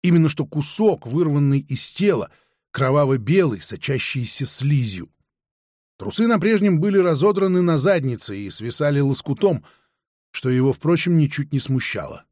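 A man narrating a first-person audiobook in a steady storytelling manner. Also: a little high, moderate pace, no echo, clean studio sound.

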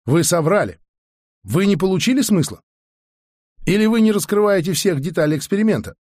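A man's voice: medium pitch, normal speed, darkish tone, dry recording, clean studio sound, natural voice. A man voicing a haughty alien male researcher who lectures and cuts others off curtly. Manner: curt, lecturing.

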